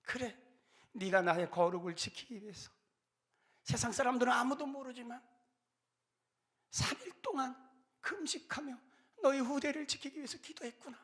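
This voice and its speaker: God the gentle father, voiced by a man, high bright voice, warm fatherly praise. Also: normal speed, pauses often. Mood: tender. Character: God as a tender, approving father.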